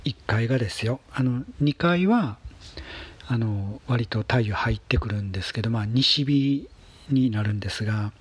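Husky breathy guy, mid pitch, just chatting by himself, kinda halting and unhurried, trails off soft. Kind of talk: casual monologue about home life.

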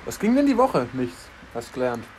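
A young man co-hosting a laid-back podcast with a friend. He talks in an offhand, joking way, often trailing off mid-thought. His voice sits at an ordinary middle pitch. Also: sing-song, normal speed, darkish tone, slight background noise. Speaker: podcast co-host. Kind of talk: casual chat.

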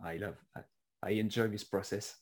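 A man with a French accent interviewing a guest, speaking haltingly with many fillers and restarts. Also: lowish voice, fairly even intonation. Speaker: interviewer and author. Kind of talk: casual conversational interview.

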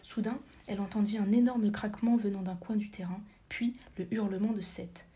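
Half-whispering a story for an audiobook, a woman speaks softly with fairly even intonation and a medium pitch, moving a little fast. Occasional mistakes get corrected as she goes.

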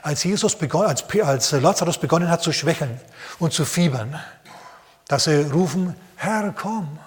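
Pastor guy preaching, kinda high voice, jokey and animated, long church-y reverb. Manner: animated, playful asides and sound effects. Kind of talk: lively sermon storytelling.

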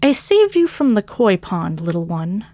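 A woman's voice: medium pitch, sing-song, unhurried, dark tone, no echo. A woman voicing a domineering female cat who gathers small animals as minions, purring and coaxing in a possessive way.

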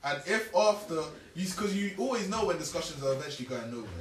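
A young London-accented man speaks in a fairly high voice, explaining his view in casual conversation. He repeats points for emphasis, and the room sounds echoey. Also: expressive, fast, noisy background. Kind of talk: casual chat. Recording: echoey room, distant from mic.

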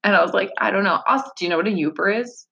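A woman's voice: mid-range voice, racing, gravelly, a bit bright. A young woman with a Michigan accent, hosting a podcast in casual, candid, jokey chat. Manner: candid, jokey, laughs often. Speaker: podcast host.

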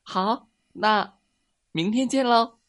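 A man voicing a cheerful little mouse in a children's bedtime story, speaking in a bright childlike way. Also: high-pitched, animated, takes it slowly, voice pushed up, heavily acted.

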